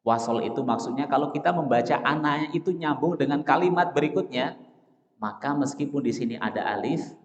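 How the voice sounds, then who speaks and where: A man teaching a dawn study lecture in a mosque, addressing listeners as Pak and Bapak Ibu, asking questions and answering them himself, and slowly reciting example phrases. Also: fairly high pitch. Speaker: Islamic teacher. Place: mosque hall. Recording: echoey mosque hall, dull lo-fi sound.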